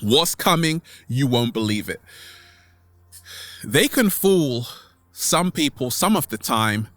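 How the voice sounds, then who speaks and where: In a dry recording, a man with a medium-pitched, slightly bright voice and lively intonation hosts a vlog. He motivates his online followers through a playful, theatrical monologue, repeating catchphrases and dragging out words for emphasis.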